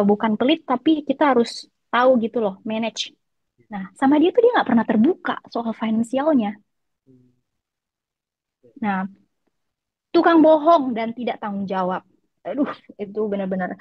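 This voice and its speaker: A woman's voice: a little high, slightly rough, no room sound, narrow, tinny audio. A woman guest on a podcast, earnestly telling a personal story in a rambling way with many fillers. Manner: earnest, rambling, full of fillers, often quotes others. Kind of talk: candid personal storytelling in conversation.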